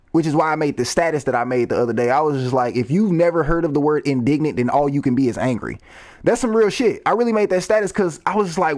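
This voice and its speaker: A man in his thirties, a rapper, rambling freely and swearing during casual gameplay commentary. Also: a little high. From United States. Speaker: rapper and gaming streamer.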